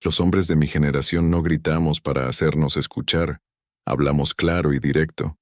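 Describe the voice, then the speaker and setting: A man narrating a first-person story in a calm, measured, solemn way. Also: rumbling low, dry recording, studio quality.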